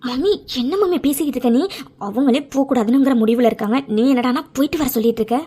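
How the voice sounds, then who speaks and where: A woman's voice: high-pitched, fast, dark tone, husky. A woman voicing a spoiled, jealous young woman in a cartoon, whining to her mother. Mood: whiny. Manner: whiny, pleading with her mother. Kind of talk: cartoon dubbing.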